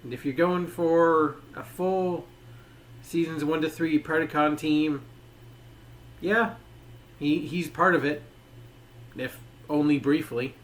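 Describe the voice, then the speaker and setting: A man's voice: fairly high pitch, fairly even intonation, takes it slowly, pauses often. Rambling man reviewing toys. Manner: rambling, lots of "like" fillers. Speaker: toy reviewer. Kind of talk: casual toy review.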